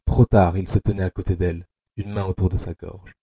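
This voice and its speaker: A man narrating an audio adaptation of a dark novel in a slow, measured, tense way. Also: deep voice, flat delivery, breathy edge.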